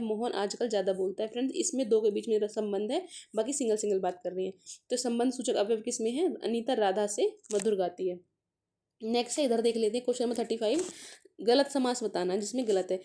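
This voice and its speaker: A woman with a mellow, somewhat high voice leads a casual exam-prep grammar lesson. She works through the questions one by one, slowly sounding out letters and words as she explains, and drops English words into her talk.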